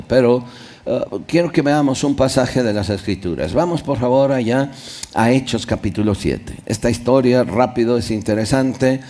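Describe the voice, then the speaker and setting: A male pastor with a mid-range voice preaches a sermon in church, reading Bible verses aloud and explaining them, his delivery swinging from sudden loud rises to soft drops.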